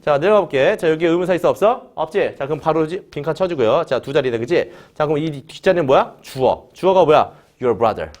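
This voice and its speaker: A man teaching English grammar in Korean, his voice sitting a little on the high side. He opens almost every phrase with a short "자" and keeps firing questions at his students. He has them repeat key words back to him as he works through each example. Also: animated, brisk, hardly any pauses, darkish tone. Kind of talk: online grammar lesson.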